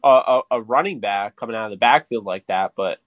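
A man co-hosting a podcast, reacting to a live football game with quick, excitable remarks and frequent laughter. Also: fairly low pitch, no room sound. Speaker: podcast co-host. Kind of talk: casual live game commentary. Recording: dry, dull lo-fi sound.

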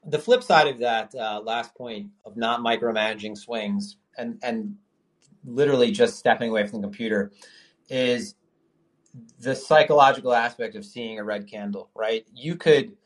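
Speaking at a moderate pace in a mid-range voice, a man hosts a live call-in trading podcast with loose, casual talk. Hiccuping throughout, he meanders with frequent fillers and false starts and swears offhandedly.

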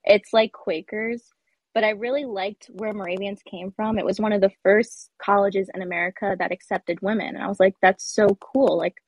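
A woman's voice: medium pitch, steady tone, moderate pace, slightly rough, no room sound, poor audio. A young woman calling in to a talk show, talking casually with lots of "like" and "um". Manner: chatty, with frequent "like" and "um". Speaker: caller to a live-streamed talk show. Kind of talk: casual call-in chat.

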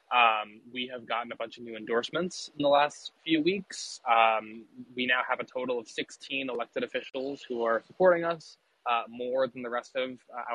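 A man's voice: medium pitch, pushed and bright, no echo, low-quality recording. A man speaking informally as a campaign volunteer being interviewed. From Queens, New York, US. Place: outdoors in a city park, remote call.

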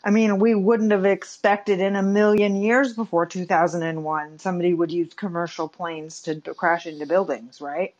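A woman's voice: fairly low pitch, steady tone, moderate pace, few pauses, a little mellow, lo-fi sound. A woman calling in to a podcast, asking her question in a hesitant, rambling way. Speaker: caller. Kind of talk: call-in question.

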